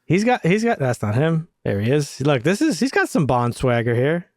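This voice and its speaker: A man co-hosting a film podcast in casual chat, animated and profane, often laughing. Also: on the high side, brisk, no room sound, studio quality. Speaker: podcast co-host.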